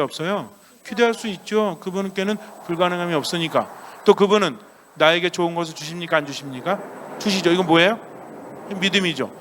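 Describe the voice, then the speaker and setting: Priest with a lively, questioning sermon voice. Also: male voice, sits high. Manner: asks the congregation many questions and answers himself; acts out children's voices in a playful story. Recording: long church reverb.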